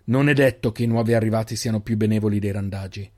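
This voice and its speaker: A man voicing an old male keeper who leads the group, calm and commanding. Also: fairly low pitch, fast, lightly acted. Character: old male keeper, steady caring leader.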